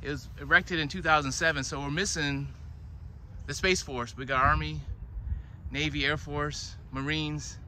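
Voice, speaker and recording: A man's voice: fairly high pitch, fairly even intonation, normal speed, pushed and bright. A man speaking as a tour guide, narrating an outdoor walking tour and explaining the sights as he goes. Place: outdoors in a public park. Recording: outdoor recording with urban ambient noise.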